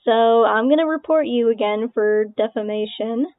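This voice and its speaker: A woman's voice: a little high, normal speed, no echo. A young woman giving a casual reaction commentary, sarcastic and dismissive, swearing often. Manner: dismissive, sarcastic, swearing, laughing between remarks. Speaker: online creator responding to accusations. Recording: tinny phone-like lo-fi sound, dry.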